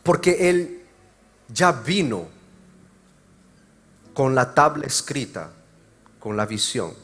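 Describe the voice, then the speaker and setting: A male pastor preaching a sermon, moving between loud emphatic passages and quiet, slow explanation. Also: mid-range voice, big pitch swings, husky. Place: church service.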